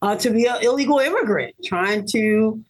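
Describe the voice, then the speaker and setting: A woman in her fifties from Maryland, a guest telling her personal story in an earnest, animated way, laughing easily. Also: fairly high pitch, normal speed, poor audio. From Baltimore, Maryland, US. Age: 50s. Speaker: interview guest.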